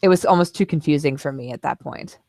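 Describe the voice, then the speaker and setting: Woman, book club chat, very low voice, gravelly fry, frank opinions, dry close sound. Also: fast, dark tone. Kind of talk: casual book discussion.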